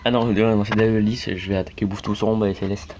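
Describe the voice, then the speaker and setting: A man's voice: on the low side, little pitch movement, fast, darkish tone. A man from France giving casual, rambling commentary while playing a mobile game, full of fillers and repeated tags. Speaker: gaming YouTuber. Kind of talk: casual let's-play commentary. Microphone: phone screen recording mic. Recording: dull lo-fi audio with faint background hiss.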